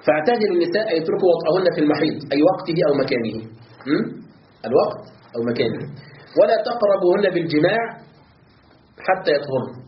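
Sheikh rattling through a class lesson, quizzes the room then answers, kinda high voice, echoey dull recording. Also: male voice, animated, slight background noise. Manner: quick, asks students questions and answers himself; recites verses, repeats words to drill them. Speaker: sheikh teaching Quran commentary. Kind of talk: classroom lesson explaining a text.

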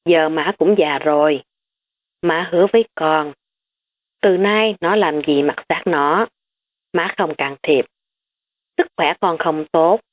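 A woman's voice: low voice, slow pace, pauses often. A woman voicing a stern elderly grandmother who lectures her family firmly. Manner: firm, lecturing. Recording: tinny phone-like recording.

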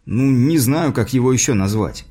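A man's voice: medium pitch, animated, normal speed, dark tone, slightly rough. Guy reading as a keen young student tinkerer, curious, asks lots of questions. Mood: eager. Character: young schoolboy inventor, eager and curious.

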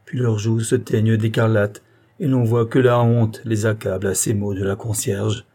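A male narrator reads a classic short story in a measured, expressive way. His voice is warm and mellow, with a breathy, husky grain. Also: fairly low pitch. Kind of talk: audiobook reading of a short story.

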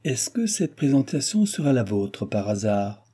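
A man's voice: mid-range voice, sing-song, a little slow, mellow, slightly rough. A man voicing a sly, mocking old male nobleman at court, teasing and ironic.

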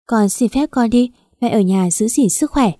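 A woman's voice: fairly high pitch, moderate pace, mellow, dry recording, studio quality, close to an everyday voice. A woman voicing an unhappy young wife, tearful and pleading. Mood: meek.

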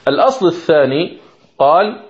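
A man's voice: a little high, big pitch swings, normal speed. A man teaching Quranic recitation from a textbook, explaining rules patiently step by step and repeating examples. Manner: asks the listeners questions, then answers them. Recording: dull lo-fi recording.

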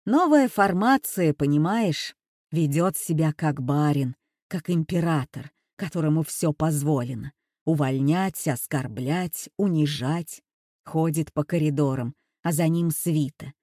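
A man's voice: fairly high pitch, takes it slowly, warm tone, dry recording, clean studio sound. Woman reading as a bitter older male professor. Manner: bitter, indignant.

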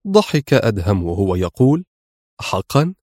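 A man with a low voice reads an audiobook in a measured, dramatic way. The recording is close and dry, with no echo. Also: very animated, a little mellow. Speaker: narrator. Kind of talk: scripted audiobook narration.

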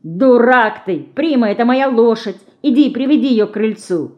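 A woman's voice: a little high, animated, moderate pace, dull audio, pitched above the performer's own voice, close to an everyday voice. A woman voicing a stubborn, insistent young girl in an audiobook. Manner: insistent, pleading.

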